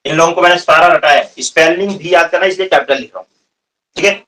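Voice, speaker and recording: A man's voice: a little high, fast, bright, forceful tone. A man in his thirties with a Hindi accent, teaching English vocabulary in a classroom, firing questions and repeating answers to his students. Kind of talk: classroom lecture. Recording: recorded from a distance.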